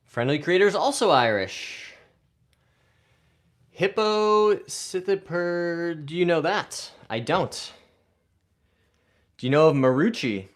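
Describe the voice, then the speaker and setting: A man's voice: on the high side, sing-song, unhurried, long pauses. Upbeat man chatting on a golf stream. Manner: reads viewer comments aloud and answers them, upbeat. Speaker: golf live-stream host. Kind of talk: casual live-stream chat.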